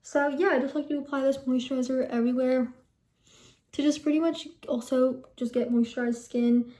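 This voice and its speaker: In a casual skincare routine vlog, a teenage girl chats and rambles, often correcting herself. Her high-pitched voice is steady, mellow and moderately paced, echoing in the room. English is her first language, and she is a Telugu heritage speaker.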